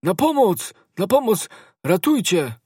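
A man voicing a frightened, sleepy male servant who shouts in a shrill panic, in a storybook reading. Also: big pitch swings, a little slow, slightly rough, dry recording, clean studio sound, heavily acted. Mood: panicked.

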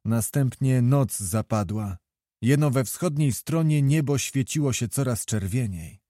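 A man's voice: medium pitch, no room sound, studio quality. Man reading a historical novel. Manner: measured, expressive storytelling. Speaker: audiobook narrator.

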